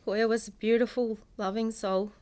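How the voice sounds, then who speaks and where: A middle-aged woman, a bereaved mother reading a prepared personal statement in a solemn, measured way, in grief. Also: on the high side, flat delivery, darkish tone. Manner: solemn, measured delivery in short phrases. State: grieving.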